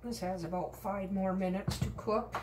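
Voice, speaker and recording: A middle-aged home cook vlogger narrates her cooking step by step in her home kitchen, tossing out short remarks to herself. Her mid-range voice is steady at a normal speed, picked up by a camera across the counter in an echoey, distant-sounding kitchen with clinking and chopping noises in the background.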